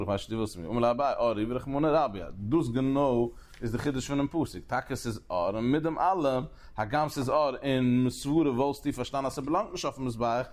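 A man giving a religious study lecture at a brisk, hurried clip. His voice sits at an ordinary middle pitch. He circles back on phrases, restarts mid-thought and fires off questions as he reasons aloud. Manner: rapid, restless, repeating and restarting phrases, posing questions. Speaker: Talmud teacher.

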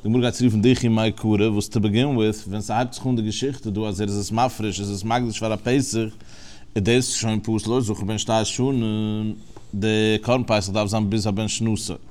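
A man's voice: on the low side, steady tone, fairly quick, darkish tone. A man teaching a Talmud lesson, reasoning aloud through the text and asking and answering his own questions.

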